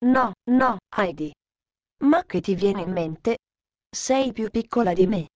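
A woman voicing a gentle young girl with a soft, calm, low way of talking. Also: takes it slowly, no room sound, highs cut off.

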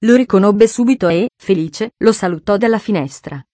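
A woman narrating an audiobook in a measured, expressive storytelling voice. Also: mid-range voice, no room sound.

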